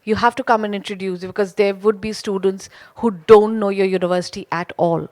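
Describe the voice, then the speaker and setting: A woman's voice: mid-range voice, fairly even intonation, fairly quick, a little mellow, no echo. A well-spoken woman with a polished Indian accent, answering as a school counselor on a panel. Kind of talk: panel discussion answer, unscripted.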